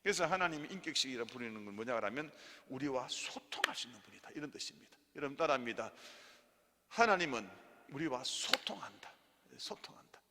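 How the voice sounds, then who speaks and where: In a reverberant church hall, a middle-aged male pastor teaches a lay theology class and has listeners repeat after him. His medium-pitched voice is very animated, fast, and sharp in tone.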